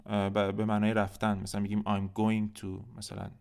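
Low-voiced man teaching a language podcast. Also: monotone, gravelly, darkish tone. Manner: explains patiently, slows down to spell out French examples. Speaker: French teacher. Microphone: podcast microphone.

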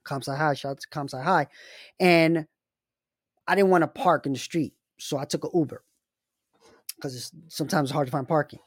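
A man's voice: a little high, moderate pace, pauses often, no echo, clean studio sound. A man hosting a casual personal finance talk, speaking emphatically and turning to the listener with frequent asides. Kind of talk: casual monologue with storytelling.

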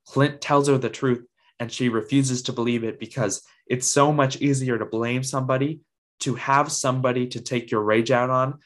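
A man reviewing a TV episode in a casual video, praising it with enthusiasm and lots of ums. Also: mid-range voice.

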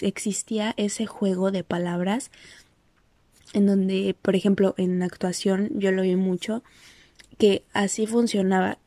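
Mexican woman, casual monologue, warm soft tone, dry close sound, chatty with fillers. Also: medium pitch, no echo. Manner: chatty, full of fillers and restarts. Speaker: podcast host.

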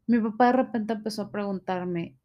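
A woman with a Mexican Spanish accent tells a personal story in an emotional, unscripted way. She keeps filling her speech with small fillers and tag questions. Her pitch sits in an ordinary middle range. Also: fairly quick, lo-fi sound.

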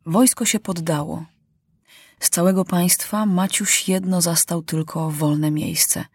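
A woman narrating a children's novel aloud in a measured, dramatic reading style. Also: fairly low pitch, steady tone, darkish tone, slightly rough, no echo, studio quality. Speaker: audiobook narrator. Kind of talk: storybook reading.

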